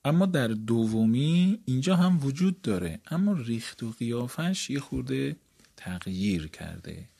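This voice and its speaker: A man's voice: medium pitch, very animated, gravelly, dark tone, slightly rough. A man explaining a grammar lesson, repeating words for emphasis and addressing his listeners politely. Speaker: teacher.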